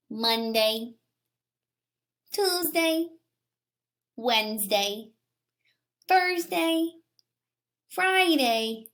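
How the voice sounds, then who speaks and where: Addressing young children directly, a high-pitched woman teacher leads a read-aloud lesson. She pronounces each word with care and keeps her explanations simple.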